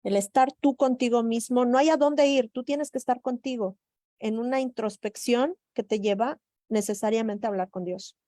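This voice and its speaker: A woman with a fairly high voice hosts a thoughtful conversation, agreeing and adding her own points. Her voice is recorded dry and close, with no room sound. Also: steady tone, normal speed, warm tone, no echo. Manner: engaged, affirming, adds to points. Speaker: host. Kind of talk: conversational discussion.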